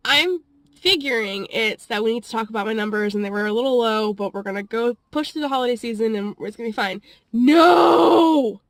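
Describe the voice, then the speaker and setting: A woman's voice: a little high, fast, a bit bright, no room sound. A young woman vlogging, telling a story in a rambling, chatty way and often laughing between phrases. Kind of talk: casual storytelling vlog.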